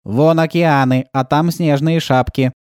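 A reader voicing a proud, pompous male robot guide who talks slowly and self-importantly, in an audiobook. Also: medium pitch, steady tone, a little mellow, clean tone, no room sound, studio quality, voice pushed up, close to an everyday voice. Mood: huffy. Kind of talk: audiobook role-play.

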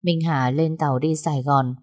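A woman narrating a story in a calm, measured reading voice. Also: low-pitched.

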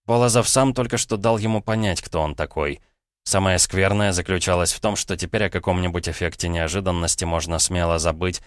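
A man narrating a story as an audiobook reader, with steady, even storytelling. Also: low-pitched, no echo, clean studio sound. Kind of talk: scripted narration.

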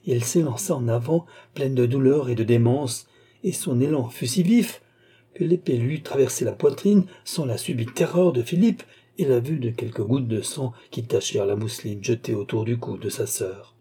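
A male narrator reads a classic novel in a measured, expressive style. His voice is very dark and somewhat husky, with pitch in the ordinary middle range. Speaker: audiobook narrator. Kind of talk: literary audiobook narration.

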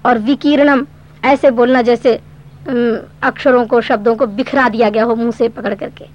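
A woman teaching a Sanskrit grammar lesson, explaining patiently step by step and reciting verse slowly. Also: on the high side, fairly even intonation. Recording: dull lo-fi recording.

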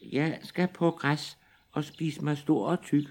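Little storybook billy goat, timid, thin high voice; a man plays it. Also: steady tone, darkish tone. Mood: pleading.

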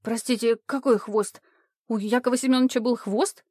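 A woman's voice: on the high side, steady tone, normal speed, a little mellow, no echo, clean studio sound, close to an everyday voice. A woman reading a flustered young woman who keeps asking startled questions, in an audiobook.

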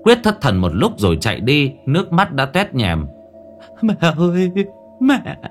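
A man's voice: mid-range voice, huge pitch swings, moderate pace, fairly bright tone. A man narrating a horror story with dramatic expression. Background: faint music.

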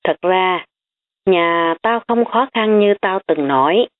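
A woman doing a sharp-tongued rich schoolgirl. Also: on the low side, expressive, takes it slowly. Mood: defensive. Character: rich girl hiding her wealth, defensive. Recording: tinny phone-like audio.

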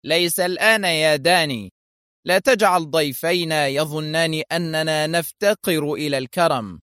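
A man's voice: a little high, moderate pace, bright, forceful tone, dry recording, studio quality, voice pushed up. A man voicing a mocking, stern male intelligence chief in an audio story, with a noticeably raised voice. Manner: sarcastic, stern.

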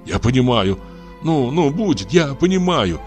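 Man doing a soft guilty husband in an audiobook, lowish, soothing, pleading. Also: a little fast, soft background music, close to an everyday voice. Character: gentle, guilty middle-aged husband pleading.

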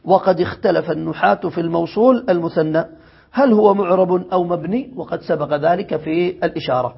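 High gravelly sheikh teaching grammar, reads then explains, quizzes students, muffled lo-fi recording. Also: male voice, a little fast. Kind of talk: classical grammar lesson. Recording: dull lo-fi lecture recording.

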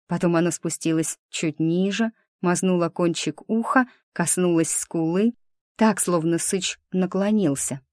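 A woman narrating a first-person audiobook in a lively, ironic storytelling manner. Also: fairly low pitch, no room sound, clean studio sound.

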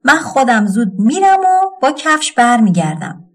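A woman's voice: a little high, sing-song. A woman voicing an impatient, thirsty young boy in a folk tale. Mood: hurried.

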